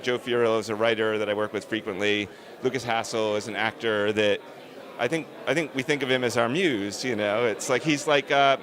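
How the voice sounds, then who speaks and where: A man's voice: mid-range voice, fairly bright tone. A man, a film director, answering interview questions on a red carpet in an earnest, emphatic, discursive way.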